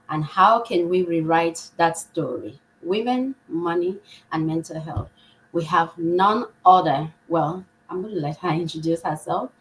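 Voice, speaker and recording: A woman's voice: fairly low pitch, slight background noise, rough recording. A woman hosting a live podcast, upbeat and welcoming, now and then restarting her words. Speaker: podcast host.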